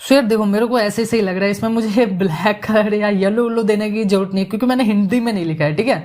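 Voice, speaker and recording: A man giving a casual, joking software tutorial, mixing English words into his Hindi as he works. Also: high-pitched, quick pace. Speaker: animation tutorial instructor.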